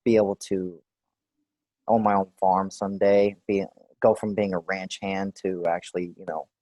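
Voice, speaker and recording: A man from Texas, in his forties, responds to a role-play clinical interview with relaxed hesitation and plenty of fillers. He has a low voice at normal speed, and the audio has no room sound.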